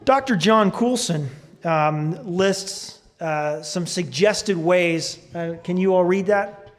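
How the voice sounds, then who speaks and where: A man giving a church sermon, earnest and thoughtful, reading suggestions aloud with occasional fillers and pauses. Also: high voice. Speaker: preacher. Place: church sanctuary.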